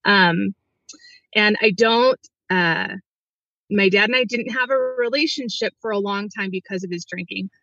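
A woman's voice: medium pitch, measured pace, a bit bright, no room sound. Middle-aged woman, interview guest, earnest and hesitant, dry close sound, a bit muffled. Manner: earnest, hesitant, many restarts and fillers. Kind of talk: personal story in an interview.

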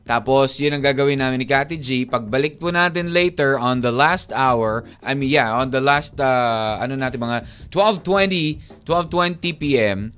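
A man's voice: medium pitch, normal speed, fairly bright tone, clear, resonant tone. A man with a Filipino accent hosting a radio show, reading listener texts aloud in casual joking banter. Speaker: radio DJ host.

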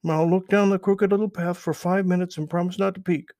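A man's voice: high voice, steady tone, a little fast, a little mellow, no room sound, studio quality, pitched above the performer's own voice. A man voicing Peter Rabbit, an eager and apologetic young male rabbit, in an earnest, pleading storybook reading. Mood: curious. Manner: earnest, pleading, wide-eyed.

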